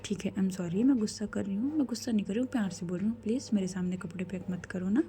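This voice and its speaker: A woman's voice: medium pitch, quick pace, dark tone, a little hiss or hum, close to an everyday voice. Aanya, a snappy young woman boss, voiced by a woman narrator. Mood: irritable. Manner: snappy, then pleading. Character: irritable young woman office boss in love.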